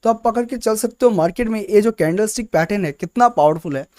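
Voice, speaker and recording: A man's voice: high-pitched, quick pace, a little mellow, no room sound, clean studio sound. A man teaching candlestick chart patterns in a casual lesson, explaining step by step and often repeating and restarting words. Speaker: trading teacher.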